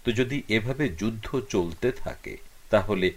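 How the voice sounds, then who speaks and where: A man speaking as a public radio host, presenting and putting questions in a formal, measured way. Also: on the low side, animated.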